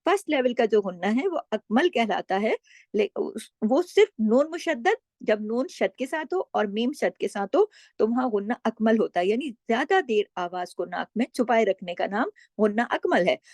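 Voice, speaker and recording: A middle-aged woman explains tajweed rules patiently, posing questions and answering them herself, and recites examples slowly. Her voice is fairly high and darkish, with big swings in pitch and a normal pace. The recording is studio quality with no room sound.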